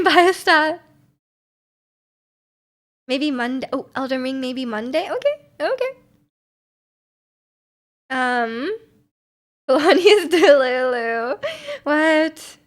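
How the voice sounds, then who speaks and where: A woman in her twenties streaming, chatting casually and reading viewer messages, giggly and talkative. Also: high-pitched. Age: 20s. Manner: giggly, chatty, often laughing.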